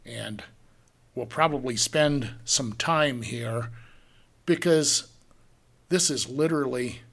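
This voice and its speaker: A man's voice: mid-range voice, slow, gravelly, fairly bright tone. A man preaching a verse-by-verse sermon, asking the congregation rhetorical questions and drawing out key words for emphasis.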